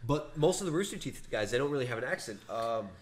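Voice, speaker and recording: A man's voice: medium pitch, lively intonation, fast, a crowd in the background. Rambling young man chatting casually. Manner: rambling, many fillers and restarts. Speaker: podcast co-host. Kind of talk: casual chat.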